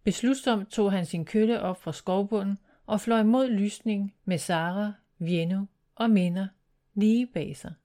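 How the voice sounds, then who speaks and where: A woman narrating a children's storybook in a calm, measured reading voice. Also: medium pitch.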